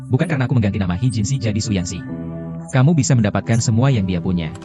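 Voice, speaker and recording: A man's voice: lowish voice, rapid-fire, over music, close to an everyday voice. A man dubbing a TV drama role: a stern young man who talks firmly and coldly, lecturing the woman he confronts. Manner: cold, firm, lecturing. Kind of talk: Indonesian dub of a TV drama.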